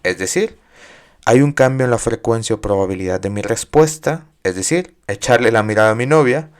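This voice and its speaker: A man's voice: medium pitch, fairly quick, smooth. A man hosting a psychology podcast, explaining ideas in a casual, conversational way and putting questions to his listeners. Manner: conversational, asks listeners questions, uses everyday examples.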